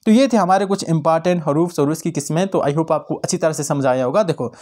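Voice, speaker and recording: A man teaches students a grammar lesson, explaining terms in Hindi-Urdu sprinkled with English words and acting out short example exclamations. His voice is fairly high and a little mellow, and he talks fast.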